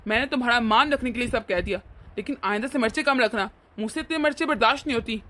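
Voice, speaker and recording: A woman voicing a mild-mannered husband in an animated cartoon, speaking in a placating, reasonable way. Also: a little high, quick pace, lightly acted. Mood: explaining.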